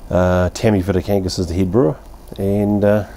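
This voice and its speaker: A New Zealand-accented man in his fifties offers an offhand beer review from his outdoor home bar, blunt and rambling with fillers and light profanity. His low, warm voice keeps fairly even intonation at a moderate pace, with slight background noise.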